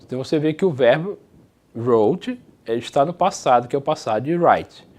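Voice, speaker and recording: A man with a Brazilian Portuguese accent teaching English grammar in a recorded distance-learning lecture, explaining the rules step by step and reading the example sentences slowly and clearly. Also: mid-range voice, expressive, a little mellow.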